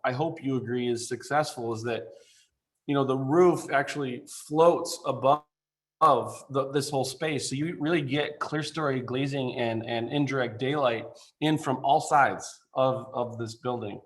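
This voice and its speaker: Man on a video call, architect pitching a design, casual and halting, mid pitch. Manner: informal, halting, many fillers and restarts. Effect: speaking remotely over a video call. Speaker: architect presenting a building design. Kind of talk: presentation to a council.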